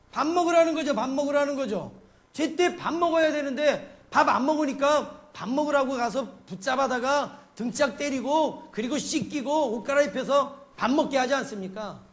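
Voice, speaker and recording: A man's voice: very high voice, fairly bright tone. A male pastor from South Korea preaching a sermon, telling a homely story and peppering the congregation with rhetorical questions.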